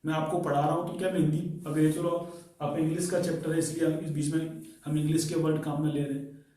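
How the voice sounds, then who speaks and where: A man's voice: fairly high pitch, darkish tone. A male teacher giving a grammar lecture, asking his students rhetorical questions as he explains. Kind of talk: classroom lecture on English grammar. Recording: very echoey room, voice from far off.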